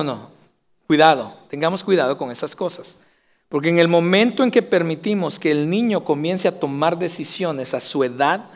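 A man preaching a sermon as pastor, earnestly addressing his congregation directly. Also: a little high.

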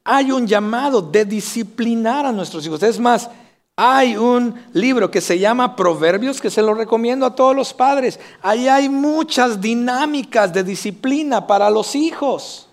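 A man's voice: very high voice, unhurried. A man preaching a sermon as pastor, earnestly addressing his congregation directly.

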